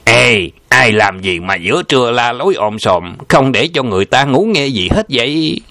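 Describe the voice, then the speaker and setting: A man doing a gruff annoyed neighbor. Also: expressive, normal speed, pushed and bright, dry recording. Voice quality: booming, gruff. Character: gruff annoyed male neighbor woken at noon.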